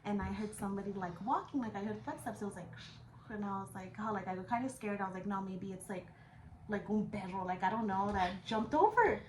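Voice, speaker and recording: A young woman vlogger, in her 20s, tells a personal story in a mid-range voice that's a little fast and a little mellow. Her talk is slangy and casual, sprinkled with swearing and switches between English and Spanish. The echoey room carries background noise.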